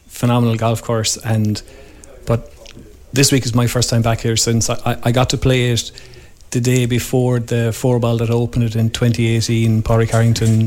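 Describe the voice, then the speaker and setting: A man's voice: mid-range voice, a little mellow. An Irish man giving informal commentary as a sports editor in a live radio interview.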